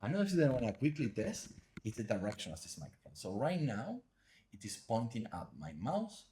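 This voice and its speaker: In a home room with an open window, this man chats loosely through a casual review of the small wireless lav mic he is testing. His mid-range voice is warm, a little fast and swings hugely in pitch, with slight background noise.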